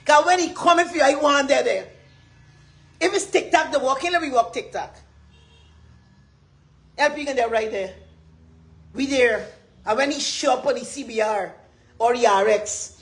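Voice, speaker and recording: A woman with a Guyanese accent gives an impassioned, rambling live address as a community advocate, repeating her points with emphasis. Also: high voice.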